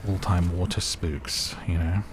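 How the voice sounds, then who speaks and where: A low, steady male voice speaks unhurriedly over background music and noise as a let's-play host, slightly losing his voice today. His commentary is chill and rambling, sprinkled with self-deprecating asides.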